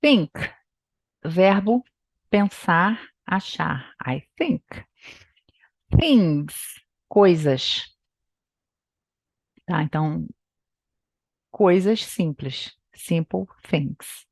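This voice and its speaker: A Brazilian woman, a native Portuguese speaker, reads an English book line by line and explains it in Portuguese as a teacher. She speaks slowly, with a gravelly, fairly low voice. The sound is dry and close. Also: expressive, a little mellow, no room sound. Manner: slow, careful reading with pronunciation drills.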